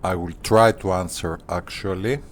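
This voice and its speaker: A man hosting a flight simulator channel, talking casually in deliberate, formal phrases with hesitant pauses. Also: low-pitched, steady tone. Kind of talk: casual tutorial commentary.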